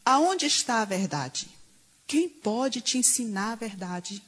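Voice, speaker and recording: A woman preaches a sermon in a church hall, her voice fairly high and a little husky. She tells stories with energy and acts out the people she quotes. A long reverb trails behind her words. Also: takes it slowly. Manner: animated storytelling, quoting others in dialogue.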